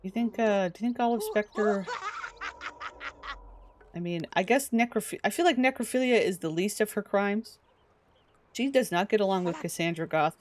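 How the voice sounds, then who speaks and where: A woman's voice: medium pitch, a little hiss or hum. A woman live-streaming a life-simulation game, chatting casually to viewers and to the characters on screen. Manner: chatty, talks to game characters, giggly asides. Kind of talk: casual live gameplay commentary.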